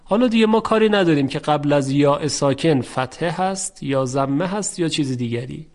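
A middle-aged man gives a Quran recitation lesson in a slightly raised pitch. He explains each rule step by step and sings out the example words long and slow. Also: a little mellow. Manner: explains rules slowly, chanting example words drawn out. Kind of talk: tajweed lesson.

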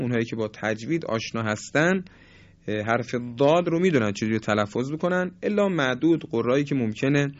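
A man teaching Quran recitation rules, explaining calmly and slowly stretching out example words to show each sound. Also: medium pitch, no echo. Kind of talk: tajweed lesson. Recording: dull, dry recording.

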